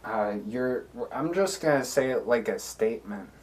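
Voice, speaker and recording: A man playing a solo tabletop game on a live stream, deliberating out loud with many fillers and restarts. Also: mid-range voice, expressive, moderate pace.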